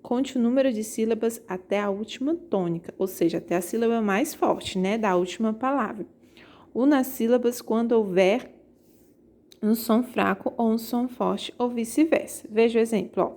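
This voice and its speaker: A woman's voice: a little high, a little mellow. A woman teaching a poetry lesson to her students, explaining step by step and often checking in with them. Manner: explains slowly, checks in with "tá certo?"; reads verses aloud slowly. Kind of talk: remote class lesson.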